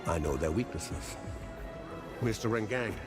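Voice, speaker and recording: Low-voiced calculating criminal mastermind. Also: male voice, expressive, a little slow. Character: calculating, menacing male criminal financier hosting poker. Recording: loud music behind the voice.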